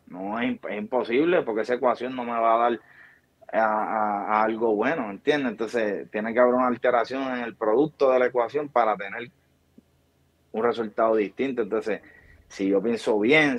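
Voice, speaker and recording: A mid-range male voice belongs to a Puerto Rican barbershop founder in his thirties, appearing as an interview guest by video call. With a Puerto Rican Spanish accent, he preaches motivation emphatically and gestures as he talks. The webcam audio from his small indoor room has no echo but sounds dull and lo-fi.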